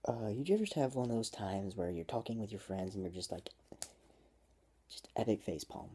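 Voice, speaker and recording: A man's voice: fairly low pitch, expressive, brisk, mellow, a little hiss or hum. A man reading his own story aloud, stopping often to joke and comment on his writing. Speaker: amateur writer and vlogger.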